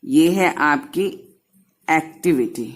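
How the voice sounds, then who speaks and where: A woman gives a slow, patient lesson to small children. She sounds out each syllable one at a time and drops English words into her Hindi, in a fairly low voice. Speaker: teacher.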